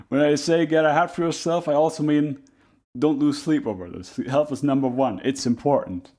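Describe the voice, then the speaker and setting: A man's voice: medium pitch, darkish tone. A man giving casual live reaction commentary as a streamer, rambling in a laid-back, unbothered way.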